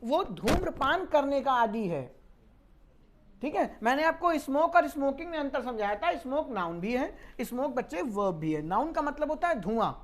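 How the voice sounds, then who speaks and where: A woman's voice: high voice, very animated, moderate pace. A woman teaching English grammar in a lecture, scolding and teasing her students. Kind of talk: classroom lecture.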